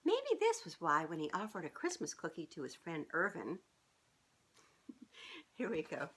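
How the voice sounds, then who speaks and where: A woman in her fifties with a fairly low, husky voice reads a children's storybook aloud at an unhurried pace. She's expressive and informal, often breaking off for chatty asides to young listeners. She sits on a living room sofa indoors, recorded by a camera a short distance away.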